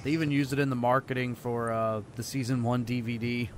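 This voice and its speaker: A man co-hosting a casual podcast, joking and telling animated stories. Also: mid-range voice, fairly quick, slight background noise. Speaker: podcast co-host. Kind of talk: casual chat.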